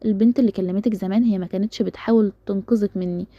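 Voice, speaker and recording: A woman with an Egyptian Arabic accent voicing a secretive young man, her former lover, quiet and insistent. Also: medium pitch, steady tone, racing, no room sound, dull audio, close to an everyday voice.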